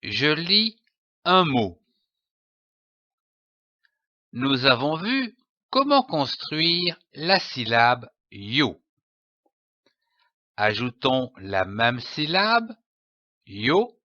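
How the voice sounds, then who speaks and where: A man with a French accent gives a reading lesson for young children, spelling out each letter and then the syllable it makes. He speaks extremely slowly, and his bright, clear voice rises and falls with lively pitch. The recording is dry and close, with a slightly dull, muffled tone. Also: no room sound. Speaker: teacher.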